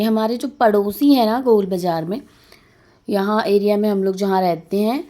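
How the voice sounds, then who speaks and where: A woman's voice: mid-range voice, mellow. A young woman chatting casually as she narrates her family vlog, rambling and laughing as she recounts the day. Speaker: vlogger.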